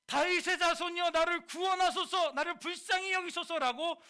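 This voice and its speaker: A man acting out a desperate blind beggar in a sermon, crying out with high, loud pleas. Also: steady tone, normal speed, exaggerated voice. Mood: pleading. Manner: high, loud, pleading cries.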